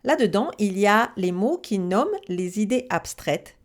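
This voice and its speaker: A woman from France gives a Russian grammar lesson in French. She talks in a lively, playful way, asking herself questions and answering them as she goes. Her voice sits at an ordinary middle pitch. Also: normal speed. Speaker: Russian language teacher.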